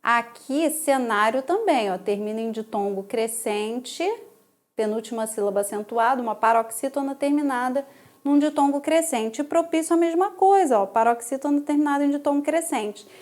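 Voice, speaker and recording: A woman's voice: high voice, normal speed, a little mellow. A Brazilian woman teaching an exam-prep grammar lesson, explaining step by step and checking in with frequent tag questions. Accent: Brazilian Portuguese.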